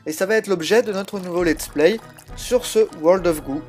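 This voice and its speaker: A man's voice: sits high, normal speed, faint music behind. A man with a slightly altered voice, chatting and explaining as he plays a video game, recorded on a laptop's built-in microphone. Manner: chatty, explains while playing, frequent hesitations. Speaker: let's play host. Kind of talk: casual gameplay commentary.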